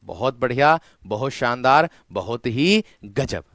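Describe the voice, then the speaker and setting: A man runs an online exam-prep class, drawing out and repeating important words and frequently calling the students his friends. His voice is medium-pitched, animated and fairly bright, with no echo.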